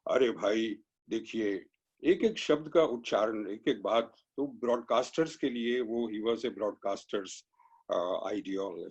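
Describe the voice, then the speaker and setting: A man's voice: medium pitch, darkish tone, husky, highs cut off. A man giving a spontaneous memorial tribute over a video call, earnest and reflective, dropping in English phrases. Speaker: speaker paying tribute.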